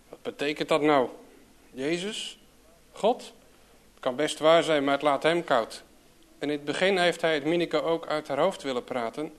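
Guy reading a storybook aloud, calm and even, slightly high voice. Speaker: narrator.

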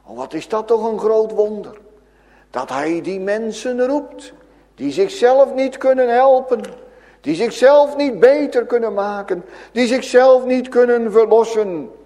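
Male preacher, high voice, slow and deliberate, vivid storytelling sermon, long church echo. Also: a little mellow. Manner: vivid, emphatic storytelling with many exclamations. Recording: echoey church hall.

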